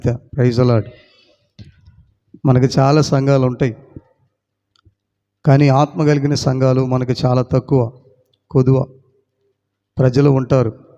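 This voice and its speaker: A man's voice: mid-range voice, dark tone. A male pastor, preaching a sermon that tells a story and builds to fervent prayer. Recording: long hall reverb, dull lo-fi sound.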